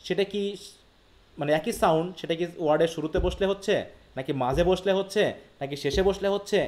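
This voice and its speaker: A high-pitched male teacher with a Bangladeshi accent gives a live lecture. He reads English lines slowly, then explains them patiently, often checking that his students follow. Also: darkish tone.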